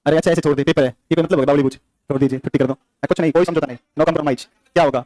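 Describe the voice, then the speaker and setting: Rapid-fire male teacher drilling students. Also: fairly high pitch, steady tone, darkish tone, no echo. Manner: rapid, repetitive drilling with quiz questions to students. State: sore throat. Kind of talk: exam-prep classroom lecture.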